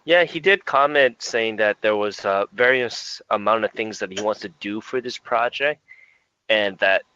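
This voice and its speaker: A man's voice: lowish voice, moderate pace, sharp tone, dull audio, a little hiss or hum. A man co-hosting a casual music podcast, rambling a little with fillers and chuckles. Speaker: podcast co-host.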